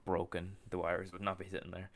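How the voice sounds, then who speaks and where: A man co-hosting a casual sports podcast, blunt and sweary, with quick jokey asides. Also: sits low, monotone. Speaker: podcast co-host. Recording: faint background hiss.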